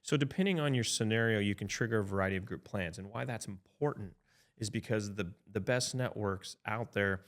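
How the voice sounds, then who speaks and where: Low-voiced chatty man in his fifties. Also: a little fast. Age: 50s. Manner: chatty, frequent "right?" tag checks and restarts. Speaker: health insurance advisor. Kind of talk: casual podcast explanation.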